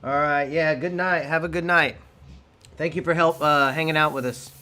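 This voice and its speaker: A man's voice: fairly high pitch, fairly even intonation, moderate pace, bright, forceful tone. A man from Oklahoma with an Okie accent, chatting casually and jokingly as a self-deprecating live stream host. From Oklahoma, United States. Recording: faint hiss behind the voice.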